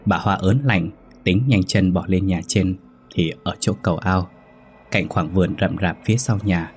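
A man narrating a ghost story in a steady, brisk storytelling manner. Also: low-pitched, faint music behind. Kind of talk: scripted horror story narration.

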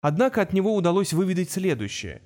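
A man narrating an audiobook in a brisk, wry storytelling manner. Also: sits high, very animated, darkish tone. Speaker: audiobook reader. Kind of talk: scripted narration.

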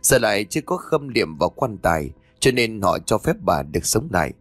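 Man telling a ghost story, low voice, lots of pitch movement, dry close sound. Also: very animated, a little fast, no echo. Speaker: narrator. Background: faint background music.

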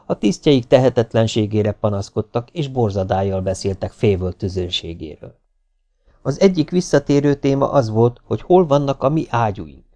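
A man reading an audiobook aloud in a steady, even storytelling manner. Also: fairly low pitch. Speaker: audiobook narrator.

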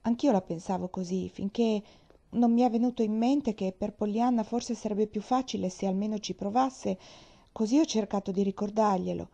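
A woman's voice: mid-range voice, moderate pace, creaky, dark tone, highs cut off. A woman voicing a young, tender-hearted maid who speaks earnestly and apologetically, close to tears, in a read-aloud storybook. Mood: distressed.

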